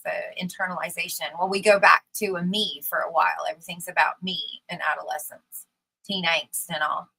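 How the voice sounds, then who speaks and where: A woman talking in a casual conversation, explaining ideas in an animated, emphatic way, with quick asides. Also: fairly low pitch, poor audio.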